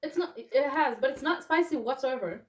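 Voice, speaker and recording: Young woman vlogger, giggly chatty tone, slightly high voice, recorded from a distance. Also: a little fast. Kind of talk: casual taste-test chat. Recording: distant mic with faint noise.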